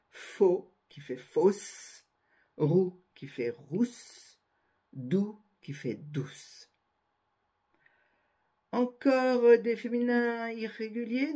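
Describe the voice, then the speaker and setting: A woman teaching a grammar lesson, dictating word pairs slowly and carefully. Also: fairly high pitch, dark tone, slightly rough. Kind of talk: slow spoken grammar lesson.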